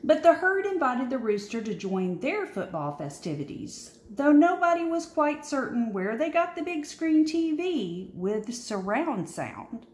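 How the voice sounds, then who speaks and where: A storybook reader with a high, very animated voice reads a children's picture book aloud. Her expressive delivery includes dramatic pauses and emphasis, and the roomy indoor space around her echoes.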